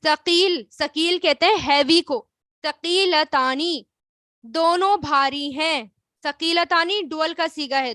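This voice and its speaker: A woman's voice: sits high, bright, forceful tone, no room sound, studio quality. A woman with a Pakistani Urdu accent teaching an Arabic grammar class, drawing out and repeating words and answering her own questions. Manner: explains slowly, drawing out words and repeating them; asks the class questions and answers them herself. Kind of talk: online class lesson.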